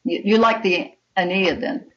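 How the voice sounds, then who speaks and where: Heard through a muffled, distant mic, an older woman chats in an interview as a guest author. Her mid-range voice stays steady and unhurried while she delivers emphatic, strongly held opinions.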